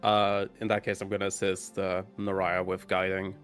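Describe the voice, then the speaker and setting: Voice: low-pitched, completely flat delivery, normal speed, faint music behind. A player in a tabletop role-playing game, talking casually and calling out guidance.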